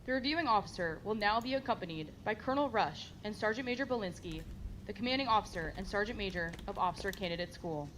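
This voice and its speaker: A woman's voice: medium pitch, lively intonation, fast talker, fairly bright tone, slight background noise. An American woman working as a ceremony announcer, reading formal scripted narration in an official manner.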